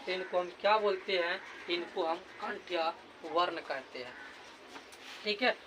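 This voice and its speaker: A man's voice: sits high, measured pace, noisy background. A man teaching a grammar lesson, who keeps asking a question and answering it himself and drills sounds aloud. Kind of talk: classroom lesson explaining grammar.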